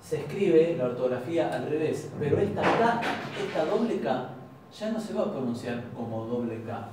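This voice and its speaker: A man with an Argentine Spanish accent teaching an informal language class, explaining patiently and repeating example words slowly. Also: mid-range voice, lively intonation. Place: university classroom. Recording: very echoey classroom, far from mic, faint noise.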